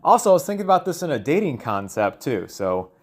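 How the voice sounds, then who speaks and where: Very animated and quick, with a fairly high pitch, this man thinks aloud in his solo audio log. The loose monologue is full of hesitations and trailing sentences as he reaches for words.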